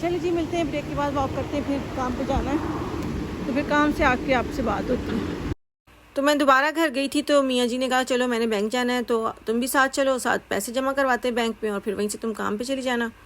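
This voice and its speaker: A woman vlogger chats casually into her phone while walking outdoors in a German village, breathing hard on the climbs. She speaks fairly quickly in a high voice with fairly even intonation, and faint outdoor noise is in the background.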